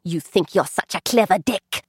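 A woman's voice: fairly low pitch, moderate pace, slightly rough, dry recording, clean studio sound. A woman voicing a strict schoolteacher with a weedy little voice who can't pronounce her R's, snapping and scolding at her class. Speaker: teacher character in an audiobook. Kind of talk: audiobook character reading.

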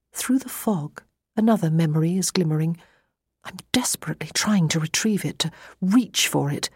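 A woman playing a hungover, groggy young woman, self-mocking and bewildered, groaning and breathy in first-person audiobook narration. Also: lowish voice, a little mellow, dry recording, clean studio sound, full character voice. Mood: groggy, straining.

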